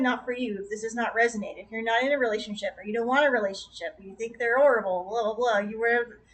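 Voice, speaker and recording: A woman reads tarot cards on a casual livestream. Her voice sits a little high, and she talks in a chatty, rambling way full of asides. Her advice comes out gentle and encouraging. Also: poor audio. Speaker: tarot reader.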